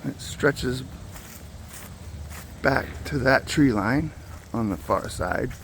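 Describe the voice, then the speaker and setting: A man's voice: medium pitch, takes it slowly, fairly bright tone. A man casually narrating a walking property tour in a plainspoken, rambling way, recorded outdoors. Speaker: property owner giving a tour. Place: outdoors on wooded rural land. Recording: clear outdoor background noise, insects.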